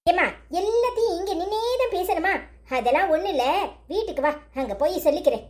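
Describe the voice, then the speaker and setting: A woman's voice: extremely high pitch, a little fast. A woman voicing an impatient grown daughter snapping back at her mother in a cartoon story. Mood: irritated. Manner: snappy, defensive.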